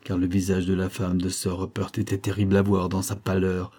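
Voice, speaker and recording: A man giving measured, scripted narration of a novel in an audiobook. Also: deep voice, completely flat delivery, mellow.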